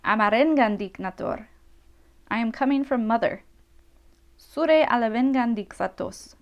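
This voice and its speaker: A woman with a slightly high voice narrates a scripted grammar lesson. She reads each example phrase slowly and carefully, then gives its translation in an even, instructive way. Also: highs cut off. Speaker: language teacher.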